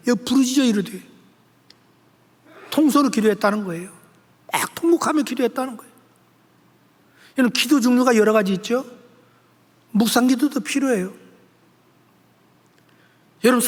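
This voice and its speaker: An older male pastor with a very high-pitched voice delivers an exhorting sermon. His words ring out with a long reverb from the church hall around him. He presses his points with emphatic appeals to the congregation. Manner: exhorting, rising to emphatic preaching. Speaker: senior pastor. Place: church sanctuary.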